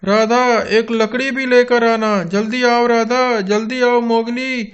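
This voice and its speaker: A man's voice: extremely high pitch, level tone, unhurried, clean tone, muffled recording. A man playing an alarmed village dad. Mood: urgent. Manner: urgent, shouting for help. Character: alarmed village father calling family.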